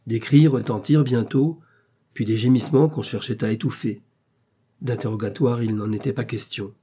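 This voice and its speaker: Brief: male audiobook narrator, mellow warm tone, slightly husky, measured literary reading. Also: mid-range voice. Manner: measured, steady storytelling.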